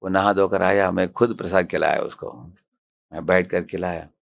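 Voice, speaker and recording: A man's voice: low voice, normal speed, creaky. A man who is a monk and temple president, giving a devotional storytelling lecture. He acts out the dialogue and puts questions to the audience. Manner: animated, acts out quoted dialogue.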